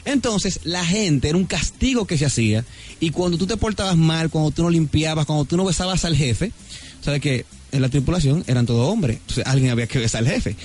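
A man's voice: a little high, animated, brisk, darkish tone, slightly rough, soft background music. A man co-hosting a casual radio talk show, telling stories and acting out quoted dialogue. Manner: storytelling, acts out quoted dialogue. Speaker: radio co-host. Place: radio studio.

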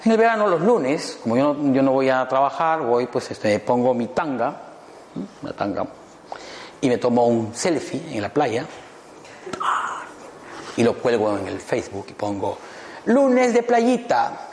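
A man's voice: mid-range voice, animated, normal speed, pauses often, darkish tone. A man, giving a playful motivational talk full of jokes and asides to his audience. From Peru. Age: 50s. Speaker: motivational speaker. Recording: echoey hall with long reverb, faint noise.

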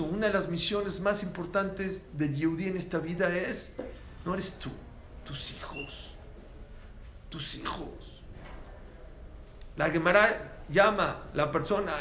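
A man with a Mexican accent giving a religious talk to an audience, telling stories in an animated way and acting out the dialogue. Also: high-pitched, a little hiss or hum. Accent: Mexican Spanish. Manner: animated storyteller who acts out dialogue. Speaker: religious lecturer. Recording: echoey room with faint ambience.

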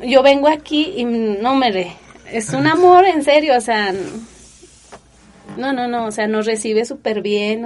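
A woman, telling her personal story in an interview with earnest, animated feeling and many fillers. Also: a little high. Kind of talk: emotional personal testimony.

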